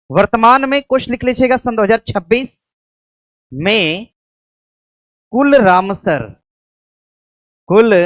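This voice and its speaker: A woman's voice: fairly high pitch, dry recording. Woman teacher drilling exam facts. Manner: asks questions and answers them herself, repeating key facts; slow dictation of notes to write down. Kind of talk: exam-prep classroom lecture.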